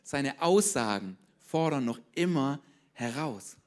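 A man preaching a sermon as pastor, lively and speaking straight to his congregation, often checking in with a quick question. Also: mid-range voice.

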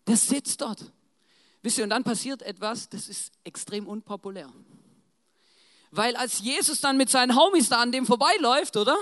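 A preacher telling a Bible story in a casual, slangy, animated way, often checking in with the congregation. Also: medium pitch, moderate pace. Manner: slangy, animated, keeps asking "right?". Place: church in front of a congregation. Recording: long church reverb.

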